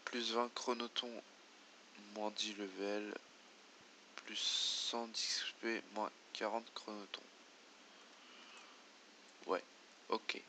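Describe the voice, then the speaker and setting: A man gives let's play commentary, muttering and reading game menus aloud as he goes. His voice is on the low side and stays flat in pitch. The tone is bright and edgy. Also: drawn-out words, pauses often, a little hiss or hum. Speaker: gamer.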